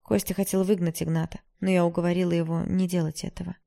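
Woman voicing a weary gentle mother. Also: on the low side, little pitch movement, fast, creaky. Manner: soft, tired, soothing. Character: gentle weary middle-aged mother, forgiving.

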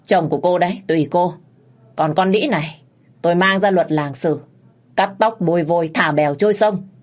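A woman voicing an angry, violent village man shouting threats. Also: on the low side, normal speed, natural voice. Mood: enraged.

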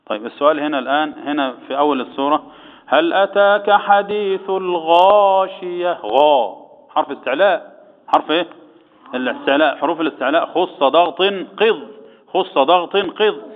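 In a tajweed lesson, a man with an Egyptian Arabic accent teaches Quran recitation rules, quizzing his students and then answering his own questions. His fairly high voice moves fast, and the recording sounds echoey and tinny, like a phone.

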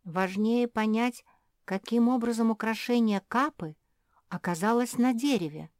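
A woman's voice: mid-range voice, unhurried, darkish tone, no room sound, clean studio sound, natural voice. A woman reading aloud and voicing a thoughtful, reasoning pug sister. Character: thoughtful sensible eldest female pug.

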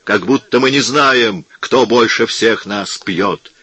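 A man voicing furious townspeople who shout accusations at the monks. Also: lowish voice, slow pace, husky, pitched above the performer's own voice, heavily acted. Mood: angry. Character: angry townsfolk in a crowd.

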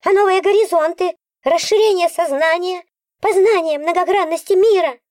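A bossy, grumbling magic book that scolds everyone around her, its voice pitched very high, as a woman puts it on. The storybook voice sounds close and dry, with no room around it. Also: moderate pace, a little mellow, dry recording. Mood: indignant. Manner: grumbling, bossy, sometimes cooing. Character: grumpy sarcastic talking magic book, female. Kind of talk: audiobook character voice.

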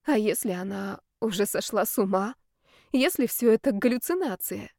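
A woman's voice: mid-range voice, lively intonation, normal speed, creaky, darkish tone, dry recording. Woman narrating an audiobook, dry sound. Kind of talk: scripted narration.

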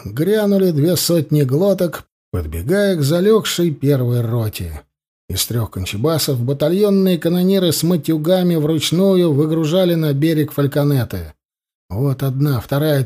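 A man reading a novel aloud as an audiobook narrator, in steady storytelling and voicing the sound effects himself. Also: a little high. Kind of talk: scripted narration of a war novel.

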